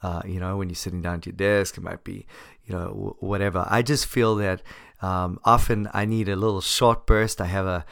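A man hosting a casual solo podcast, with a gravelly voice hoarse from laryngitis and a wry, self-deprecating manner. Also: low-pitched, level tone, moderate pace, fairly bright tone, no echo, clean studio sound. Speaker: podcast host.

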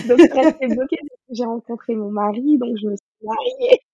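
A woman's voice: a little high, animated, moderate pace, warm tone, husky, dry recording, muffled recording. A woman in her thirties from Senegal, a podcast guest speaking hesitantly with many fillers and frequent laughs. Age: 30s. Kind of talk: casual interview chat.

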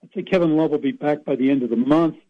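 A man's voice: fairly high pitch, quick pace, no room sound, phone-quality sound. A man calling in to a radio show as a sports reporter, chatting casually with rambling, folksy asides. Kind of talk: casual radio phone-in chat.

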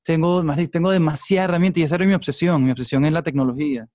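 A man's voice: on the high side, racing, no echo, clean studio sound. A man with a Venezuelan accent, a podcast guest chatting casually and telling stories in an intense, profane way. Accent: Venezuelan Spanish. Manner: intense, profane, animated storytelling. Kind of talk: casual chat.

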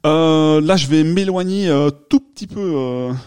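A man's voice: fairly high pitch, measured pace, darkish tone, clear, resonant tone, no echo. A man hosting a casual podcast, talking in a hesitant way with many fillers and restarts. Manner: laughs at his own accent. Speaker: podcast host.

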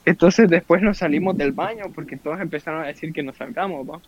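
A man's voice: fairly high pitch, fast, no room sound. Crude young man, lo-fi. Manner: crude slang-heavy, animated retelling. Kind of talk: casual chat, storytelling among friends. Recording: dull lo-fi sound.

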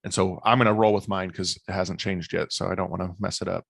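A man hosting a podcast in casual chat, leading segments in a brisk, organized way. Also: low-pitched, flat delivery, vocal fry, breathy edge, no room sound. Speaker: podcast host running predictions.

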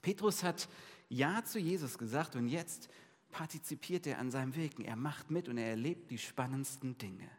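A man preaching a sermon in a casual, conversational way, with lively asides and quick shifts between emphatic and soft delivery. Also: mid-range voice, big-room sound. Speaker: pastor.

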